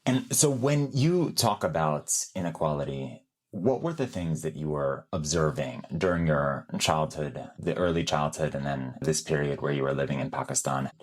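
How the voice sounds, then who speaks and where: A man's voice: very deep voice, moderate pace. A man hosting an interview in a friendly, upbeat way, asking open questions. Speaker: host.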